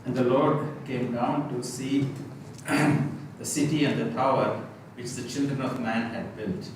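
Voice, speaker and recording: Man, reading scripture aloud, steady, far from the mic, very echoey room, audible hiss. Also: mid-range voice, measured pace. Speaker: scripture reader in a Bible study.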